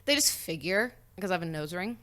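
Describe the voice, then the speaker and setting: A woman's voice: lowish voice, expressive, fast talker, pushed and bright. A woman in her twenties with a Texan accent, chatting candidly as a guest, swearing freely and laughing at herself. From Paris, Texas. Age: 20s. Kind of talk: casual chat.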